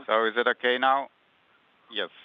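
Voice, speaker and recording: Guy talking over a tinny sci-fi style space radio link, smooth voice, calm short directions. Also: medium pitch, moderate pace. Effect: space-to-ground radio link. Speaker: spacewalk crew radio communicator. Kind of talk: step-by-step instructions over the radio. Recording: tinny narrow-band radio transmission.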